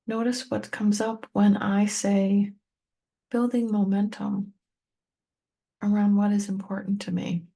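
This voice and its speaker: Speaking directly to the listener, this woman, a meditation teacher and tapping coach, leads a guided meditation with gentle, unhurried instructions in short phrases separated by pauses. Her voice is dark and soft-edged with plenty of fry, and her fairly level pitch shows little movement.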